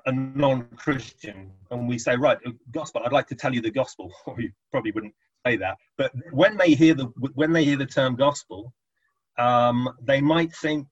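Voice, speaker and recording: Guy teaching at church, kinda husky, lots of restarts, dull lo-fi audio. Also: mid-range voice. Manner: repeats words, many restarts, conversational. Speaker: preacher teaching on evangelism. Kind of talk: informal teaching talk. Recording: dull lo-fi sound.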